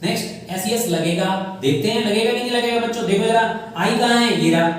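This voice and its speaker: A man's voice: sits high, fairly quick. A male English grammar teacher, explaining rules step by step in a classroom-style lesson and calling his viewers children. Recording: very echoey room, far from mic, faint noise.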